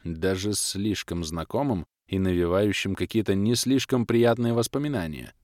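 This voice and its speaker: A man narrating a first-person audiobook in a lively, expressive reading. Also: low-pitched, normal speed, no room sound, clean studio sound.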